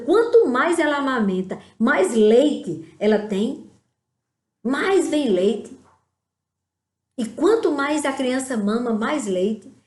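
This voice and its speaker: A woman preaching a devotional sermon, acting out prayers and conversations in a softer, quieter voice. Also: on the high side, echoey room. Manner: acts out prayers and dialogues in softer quiet tones.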